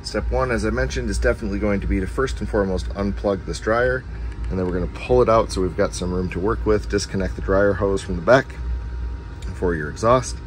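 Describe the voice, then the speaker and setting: A man hosting a casual DIY how-to video, explaining step by step in an informal way, in a basement room. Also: deep voice. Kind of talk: casual how-to repair narration. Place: noisy basement furnace room at home. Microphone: handheld camera's microphone. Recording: background noise from basement furnace room.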